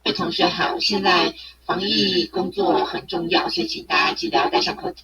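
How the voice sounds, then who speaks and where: A woman's voice: on the low side, fairly even intonation, fairly quick, far from the mic, very noisy. A woman teacher reads a short class announcement through a robot-like voice changer. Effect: robot-like voice changer filter. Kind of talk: reading a short class announcement as an effect sample.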